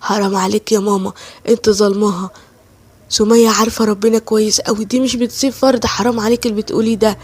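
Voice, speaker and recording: A woman's voice: medium pitch, level tone, quick pace, a little mellow, husky, no room sound, close to an everyday voice. A woman voicing a loyal, tired young Egyptian husband who firmly defends his wife. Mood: protective. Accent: Egyptian Arabic.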